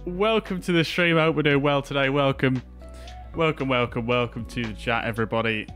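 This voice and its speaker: A man with a mid-range voice streams a flight sim through a headset mic, talking fairly quickly over music. He chats casually, greets viewers by name and uses lots of filler words, and the audio sounds like typical livestream headset sound.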